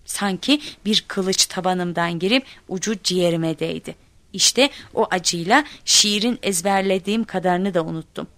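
A woman telling a comic first-person story in expressive narration, acting out shouts and cries. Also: lowish voice, moderate pace, dry recording. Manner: lively, acts out quoted shouts.

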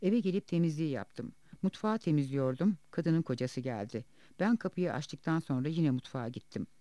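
A man reading the part of a bitter, wounded woman house cleaner in an audiobook, in a quiet, subdued way. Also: on the high side, lively intonation, normal speed, dry recording, natural voice. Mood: grim.

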